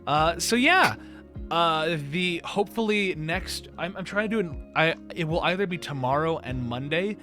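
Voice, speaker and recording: A man's voice: a little high, animated, moderate pace, over music. A man hosting a livestream, chatting casually in a rambling, self-interrupting way. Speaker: stream show host.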